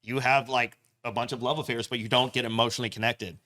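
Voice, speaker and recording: A man co-hosting a casual podcast chat in a tavern, explaining plot points in a relaxed, playful way. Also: mid-range voice, quick pace. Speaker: podcast co-host.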